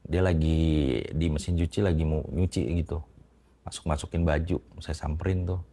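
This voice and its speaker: A man with a very low voice recounts a private story in a halting, casual way, stumbling over restarts and fillers. He talks mostly quietly as an interview guest, his tone growing louder when the story gets tense. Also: level tone, breathy edge. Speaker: interviewee telling a personal story.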